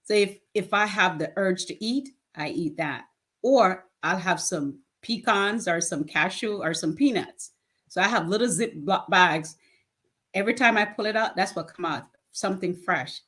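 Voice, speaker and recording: A woman's voice: mid-range voice, moderate pace, a bit bright, breathy edge. A woman in her fifties, a nonprofit founder, answering interview questions in an earnest, plain-spoken way and laughing easily. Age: 50s.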